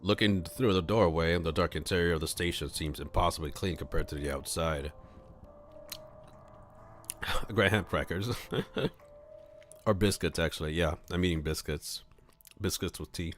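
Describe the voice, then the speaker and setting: A man with a low voice reads a visual novel aloud on a stream at normal speed, leaving long pauses. He narrates and adds casual, playful asides while music plays behind him.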